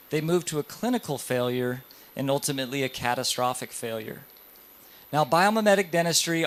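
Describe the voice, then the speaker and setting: A man in his thirties, a dentist giving a live lecture to other dentists in a hall, telling stories and asking the audience questions. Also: on the high side. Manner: lively storytelling, addresses audience directly.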